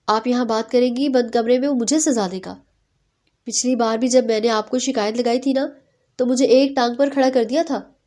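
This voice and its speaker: A woman voicing a quarrelsome young bride who complains in shrill, dramatic outbursts. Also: fairly even intonation, warm tone, lightly acted. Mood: pleading.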